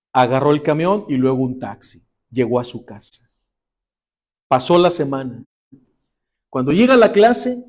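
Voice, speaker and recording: Man telling a story in a Bible class. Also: mid-range voice. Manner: dramatic retelling, dropping to a hushed voice for emotional lines.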